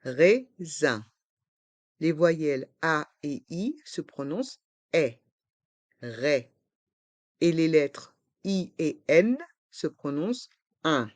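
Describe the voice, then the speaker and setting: A teacher drilling pastry words, repeating each word slowly and spelling out its letters. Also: mid-range voice, expressive, no echo. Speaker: French pronunciation teacher. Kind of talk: slow pronunciation drill.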